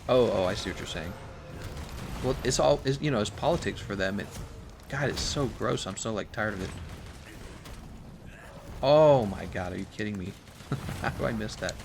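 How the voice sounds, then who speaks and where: A man's voice: lowish voice, normal speed, vocal fry, long pauses, noisy background. A man from Missouri chatting casually on a game live stream, rambling and reading chat comments aloud with frequent laughs. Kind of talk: casual chat while gaming.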